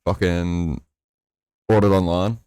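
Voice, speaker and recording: A young man with a notably deep voice tells a long, rambling anecdote, peppered with swearing. His delivery is laid-back and conversational, recorded dry and close. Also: fairly even intonation, takes it slowly, warm tone, smooth, no echo. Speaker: podcast co-host. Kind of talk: casual storytelling chat.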